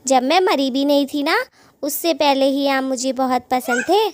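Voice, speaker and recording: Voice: high voice, a little slow, a little hiss or hum. A performer voicing a rude, mocking witch ghost who loves mangoes, in a cartoon story. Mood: gloating. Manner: taunting, insulting, cackling.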